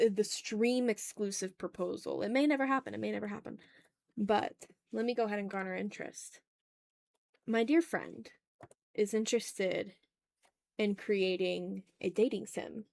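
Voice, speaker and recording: Her voice is mid-range, creaky, and darkish, with no room sound. She is a streamer from the American South, chatting casually during an art livestream while drawing, self-deprecating and playfully exasperated.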